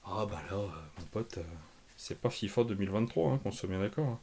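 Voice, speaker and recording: A man's voice: fairly low pitch, brisk, dark tone. A man hosting a comics channel, chatting casually through an unboxing, enthusiastic and thinking aloud with lots of fillers.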